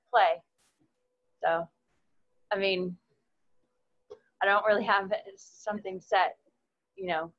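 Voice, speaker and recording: A woman with a lowish voice tells a short, casual story in a soft way. Her voice comes through dull and lo-fi over the call. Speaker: webinar participant. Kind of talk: casual anecdote. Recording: muffled call audio.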